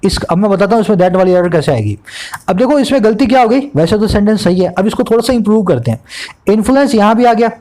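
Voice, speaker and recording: A man tutoring English, explaining a newspaper editorial in Hindi mixed with English terms and reading the English sentences out slowly, word by word. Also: sits high, animated, dark tone, rough recording. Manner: teacherly, asks the class questions, reads English slowly word by word.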